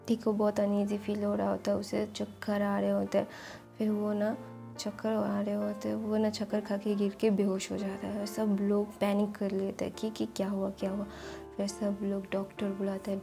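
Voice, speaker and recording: A woman's voice: medium pitch, vocal fry. A woman casually retelling a fan fiction story, chatty, with many fillers and restarts, quoting the characters in her own voice.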